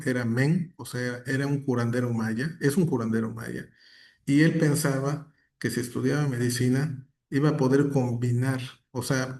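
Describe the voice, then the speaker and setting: A man's voice: medium pitch, vocal fry, darkish tone. A man speaking as an academic guest in a conversational talk, reflective, often tagging his points with questions. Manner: reflective, gives examples, frequent tag questions.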